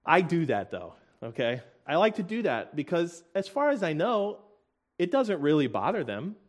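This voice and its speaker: A young man preaching a sermon, earnest and emotional, with halting restarts and soft laughs. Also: fairly high pitch, big pitch swings.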